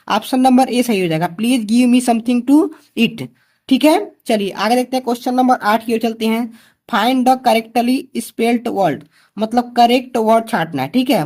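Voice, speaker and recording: A woman's voice: a little high, a little mellow. A woman teaching an exam-prep grammar lesson, who keeps asking questions and answering them herself. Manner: repeats key points for students.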